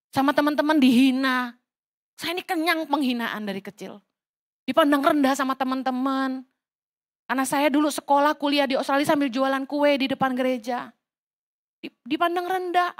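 A woman pastor preaching a lively church sermon in a casual, teasing way. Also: high voice, normal speed. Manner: lively, mocks petty prayers in put-on voices. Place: church service, livestreamed.

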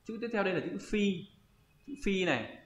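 A man's voice: high-pitched, animated. Man teaching, roomy sound. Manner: thinks aloud, pauses to search for words. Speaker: Japanese teacher. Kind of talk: online kanji lesson. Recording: roomy, slightly dull audio.

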